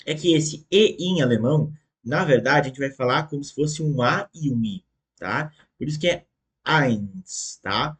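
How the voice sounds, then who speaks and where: A man teaching a German lesson online, slowly and patiently repeating words for the learner and checking in often. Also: a little high, lively intonation, a bit bright. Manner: ends phrases with checking tags.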